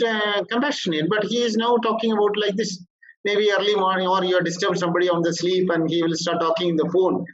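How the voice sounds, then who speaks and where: Halting man giving a workshop lecture. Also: high voice, a bit bright, highs cut off. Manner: halting, explanatory, frequent restarts. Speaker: corporate trainer.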